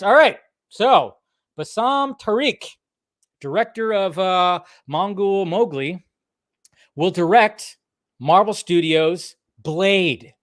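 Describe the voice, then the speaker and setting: On a live pop-culture talk stream, a man with a voice on the high side rambles casually to his audience, often saying the same phrases again. The recording is studio quality with no room sound.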